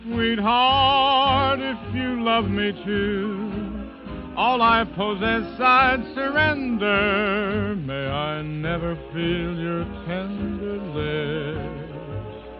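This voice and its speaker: A male band singer crooning a slow ballad, heard through an old, muffled AM radio sound over a dance band. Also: high-pitched. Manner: smooth sustained crooning. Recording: muffled 1940s record over loud band. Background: loud dance band music.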